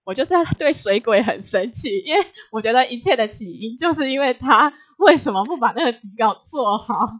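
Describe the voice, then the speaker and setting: A young woman casually telling a story about work, animated, laughing often and acting out what others said. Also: fairly high pitch, a little fast, few pauses. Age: young adult.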